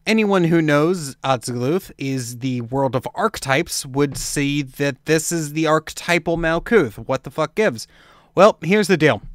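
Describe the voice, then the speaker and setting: Young male teacher, casual and rambling, smooth clear voice, dry close sound. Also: on the high side, a bit bright, dry recording. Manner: rambling, informal, swears casually, stresses points by repetition. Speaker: amateur occult teacher. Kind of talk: casual explanatory lecture.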